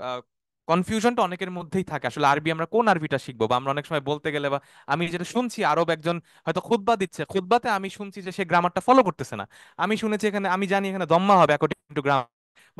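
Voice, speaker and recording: A man teaching an online Arabic class, explaining terms slowly, repeating them and checking often that students follow. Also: high-pitched, fairly bright tone, clean tone, dry recording, clean studio sound. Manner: has students repeat words after him.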